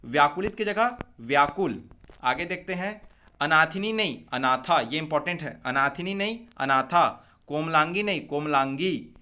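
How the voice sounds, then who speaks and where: A man from India teaching an exam-prep spelling lesson, drilling words one by one in a brisk manner. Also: on the high side, animated, sharp tone.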